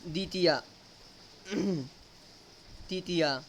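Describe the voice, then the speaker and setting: A man's voice: high-pitched, very slow, a bit bright, slight background noise. A man teaching a grammar lesson, asking students questions and repeating answers to drill them.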